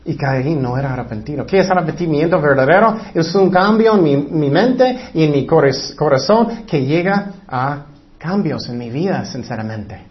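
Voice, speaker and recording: High-voiced man preaching emphatically. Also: animated, moderate pace. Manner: emphatic, repetitive preaching with acted asides. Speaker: pastor. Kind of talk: sermon. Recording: dull lo-fi recording.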